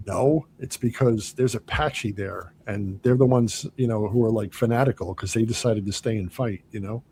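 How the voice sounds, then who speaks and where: Speaking at a normal pace in a fairly low voice, this male podcast host chats his way through a movie, performing its lines in a lively retelling. A little background noise is audible.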